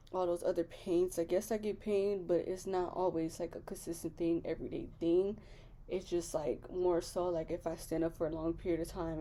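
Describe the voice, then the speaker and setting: A young woman chats straight to her viewers in a candid, rambling vlog. Her voice sits a little low and sounds mellow and relaxed, with plenty of "like" and "you know" between her thoughts. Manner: chatty, candid, talks straight to viewers with many fillers. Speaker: vlogger. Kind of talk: casual chat.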